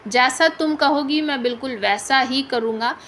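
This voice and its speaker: A pleading older grandfather, read out by a woman in a raised, loud and coaxing voice. He sounds eager to please, and the voice sits high for a man. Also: normal speed, a little hiss or hum.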